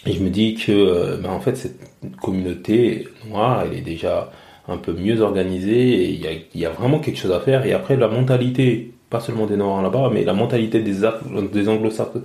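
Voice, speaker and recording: A man in his thirties from France, speaking as an interview guest in a halting way, with many restarts and repeated words. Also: fairly low pitch, vocal fry, dark tone. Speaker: interview guest, media founder. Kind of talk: casual interview talk. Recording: roomy echo.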